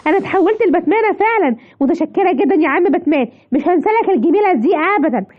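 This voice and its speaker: A woman with an Egyptian accent voicing an excitable mother lioness who keeps exclaiming, in a children's story. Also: very high voice, racing, phone-quality sound. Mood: excited. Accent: Egyptian Arabic.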